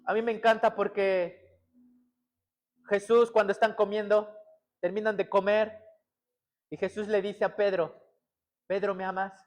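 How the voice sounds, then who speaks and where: A man preaching a sermon as pastor. He puts questions to the congregation and moves between urgent, stressed passages and hushed, intimate ones. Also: high voice, level tone, measured pace, long pauses. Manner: emphatic preaching with many rhetorical questions to the congregation.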